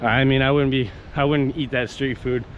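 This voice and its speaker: A young Canadian vlogger chats on camera while strolling outside on a coastal town street, rambling excitedly with frequent fillers and restarts. His medium-pitched voice holds a steady tone at a moderate pace, with a little hiss or hum in the recording.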